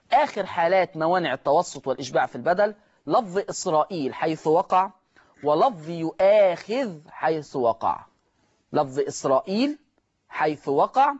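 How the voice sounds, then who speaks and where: A man's voice: fairly high pitch, dull audio. A man with an Egyptian Arabic accent teaching Quran recitation rules in a broadcast lesson, repeating key words and quizzing his students. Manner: repetitive, quizzing students with questions. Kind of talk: televised tajweed lesson.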